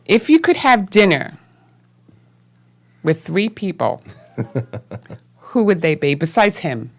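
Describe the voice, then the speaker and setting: A woman hosting a casual interview, chatty and quick to laugh. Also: fairly low pitch, very animated. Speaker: host.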